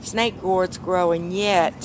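Holding her phone camera outdoors, a woman shows off her backyard vegetable garden while gently coaxing a small child with easy questions. She speaks slowly in a fairly low, steady voice. Heavy background noise runs through this casual home video.

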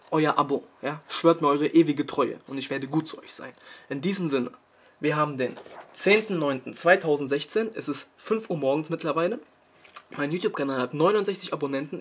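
A young man with a husky voice, a YouTuber on a mock-serious rant to camera, exasperated and scolding, and he keeps tagging his sentences with "ja?". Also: a little high, a bit bright.

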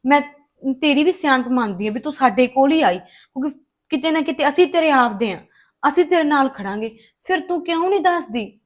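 A woman's voice: high-pitched, expressive, a little fast. A woman playing an earnest caring sister-figure. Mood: reassuring. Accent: Punjabi. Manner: earnest, reassuring, insistent. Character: caring protective woman, Maninder. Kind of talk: Punjabi web drama acting.

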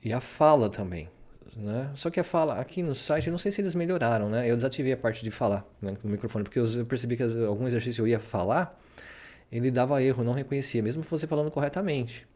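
Mellow-voiced Brazilian man rambling casually. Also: mid-range voice, quick pace. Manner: rambling, full of "né?" tags. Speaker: vlogger. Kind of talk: casual screen-share talk.

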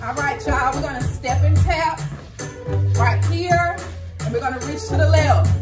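A young American woman leads a workout as an aerobics instructor. Her voice is high and unhurried, stretching out energetic commands and counts. She is recorded from a distance in a roomy hall, with loud music playing. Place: large indoor hall with hard floor. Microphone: far camera. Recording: echoey room, distant mic, loud music.

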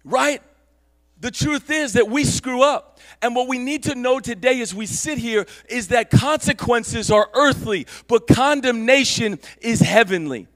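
A male pastor giving a Sunday church sermon, preaching with passion that builds to shouts. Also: extremely high pitch, measured pace. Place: church service.

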